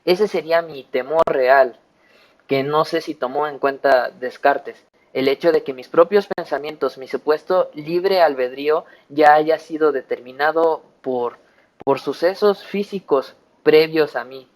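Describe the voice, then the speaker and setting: A man's voice: fairly high pitch, measured pace, low-quality recording. A man with a Mexican accent explaining ideas informally as a panel speaker in a discussion, thinking aloud with halts and repeated words.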